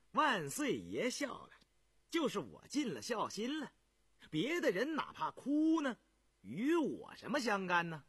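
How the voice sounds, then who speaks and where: A man's voice: high voice, wildly swooping pitch, fairly bright tone, breathy edge, no echo, voice pushed up, exaggerated voice. Man doing a witty, cheeky young prince. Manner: playful, quick-witted. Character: witty cheerful young male prince, teasing.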